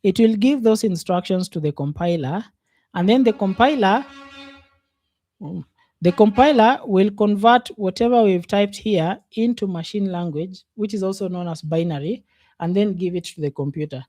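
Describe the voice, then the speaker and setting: A man walks learners through a coding lesson in a warm, mellow voice. He talks it through at an easy pace, pausing on fillers as he works. The sound is close and dry, with no room around it. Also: high voice, no echo. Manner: unhurried, thinks aloud with many fillers. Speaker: programming instructor. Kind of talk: casual screen-share coding lesson.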